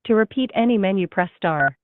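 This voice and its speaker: A woman's recorded automated phone menu message, announcing options slowly and politely, heard through a phone call. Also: mid-range voice, lively intonation, very noisy. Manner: slow, measured, polite announcing. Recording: tinny dry phone line.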